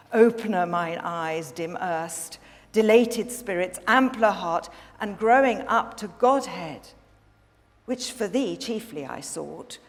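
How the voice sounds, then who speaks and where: A woman voicing Eve, the first woman, eager and persuasive, in a measured dramatic verse reading. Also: on the low side. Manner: measured, earnest verse delivery. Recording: long hall reverb.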